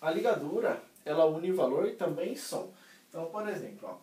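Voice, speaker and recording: A man's voice: a little high, big pitch swings, a little fast, dark tone, recorded from a distance. A man teaching music theory in a casual lesson, explaining step by step, checking in with his students and singing short examples. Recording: roomy, voice somewhat off-mic.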